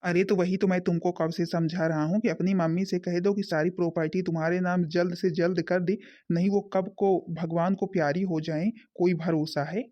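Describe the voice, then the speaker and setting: A man's voice: sits high, flat delivery, normal speed, hardly any pauses, a little mellow, natural voice. A man voicing a scheming, greedy husband in a cartoon family drama, coaxing and nagging his wife, with a dull lo-fi sound. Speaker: scheming son-in-law.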